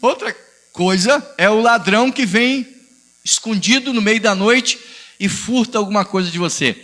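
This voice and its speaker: A man's voice: high voice, moderate pace, fairly bright tone. A man preaching on a live stream as pastor, combative and ironic, arguing with a commenter. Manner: combative, ironic, calls listener "filho" and "amigo".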